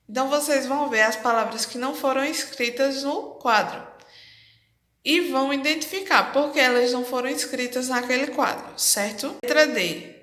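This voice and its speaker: Slow, bright-voiced woman teacher. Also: fairly high pitch, roomy sound. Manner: slow, repeats instructions to pupils. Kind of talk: classroom lesson walkthrough.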